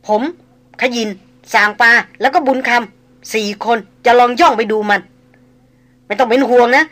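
A woman voicing a calm, decisive male hunter leader giving crisp orders. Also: on the high side, unhurried. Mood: urgent.

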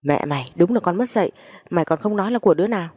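A woman's voice: on the low side, expressive, rapid-fire, husky, long reverb tail. A woman doing a furious scolding mother. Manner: shouting, scolding. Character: angry village mother beating her daughter.

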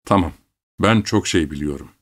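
A man's voice: deep voice, moderate pace. Angry, accusing soldier father home from war, read by a male narrator. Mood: bitter.

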